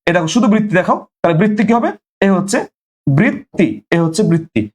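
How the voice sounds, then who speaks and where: A man's voice: high voice, rapid-fire. A young man teaching an online exam-prep lesson, drilling students with repeated questions and asking viewers to comment.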